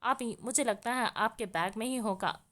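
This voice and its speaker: A woman's voice: on the high side, moderate pace, fairly bright tone, lightly acted. A woman voicing a pouting schoolgirl who pleads defensively. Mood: pleading.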